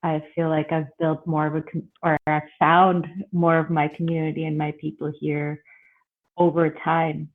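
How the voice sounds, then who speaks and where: Woman guest from bangladesh, born in russia, chatty and thoughtful, flat delivery. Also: low voice, normal speed. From born in Russia, raised in Bangladesh. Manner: relaxed, reflective, with fillers and light laughs. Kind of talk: casual interview conversation. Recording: tinny phone-like line.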